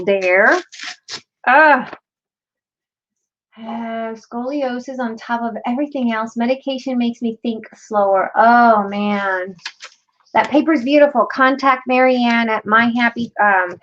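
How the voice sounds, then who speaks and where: A middle-aged woman hosts a live craft tutorial, chatting casually as she works and slipping into Spanish phrases. Her voice is on the high side and a bit bright. A desk mic above an overhead craft camera picks her up with slightly dull audio and faint hiss.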